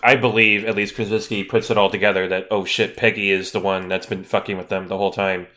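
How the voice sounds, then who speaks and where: A man's voice: on the low side, flat delivery, fast, pushed and bright. A man co-hosting a podcast, chatting casually about an episode with frequent stammered restarts. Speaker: podcast co-host. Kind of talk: casual recap chat.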